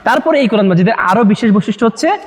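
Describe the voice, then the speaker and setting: A man's voice: sits high, lively intonation, rapid-fire, long reverb tail, faint music behind. A man from Bangladesh presenting a Quran edition to a group of young men, coaxing them with questions. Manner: coaxing, asks listeners questions. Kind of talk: promotional talk to a live group.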